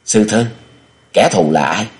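A man's voice: fairly low pitch, animated, a little slow. A man voicing a bewildered young male swordsman who stammers and has lost his memory. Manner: stammering, bewildered, turning fierce.

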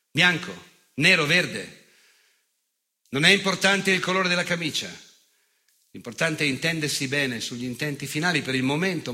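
This time the unrepentant fascist veteran, cruel and smug, is delivered in a fairly high male voice that is pushed and bright, with a menacing, contemptuous edge. The stage monologue longs for the past and leans on mocking rhetorical questions and weighty pauses.

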